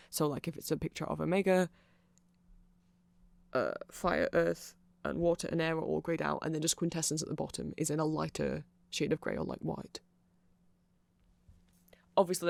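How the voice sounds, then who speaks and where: A man with a fairly high, gravelly, slightly mellow voice rambles through an ASMR talk about band lore, fixing his words as he goes and chuckling along the way. The recording has no echo.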